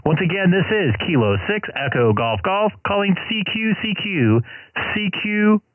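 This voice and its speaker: A man on a ham radio call, his voice sitting high and squeezed into a thin, phone-like band. The sound is dry and close. He reads call signs in steady phonetics and then slips into relaxed chat. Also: normal speed, no room sound. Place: home radio shack.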